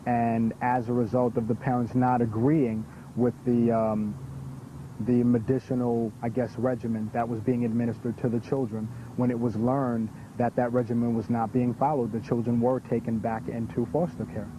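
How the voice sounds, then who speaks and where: A man interviewed for a documentary, speaking carefully and pausing to search for words. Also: medium pitch, level tone, noisy background. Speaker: interviewee with knowledge of the case. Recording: dull lo-fi recording.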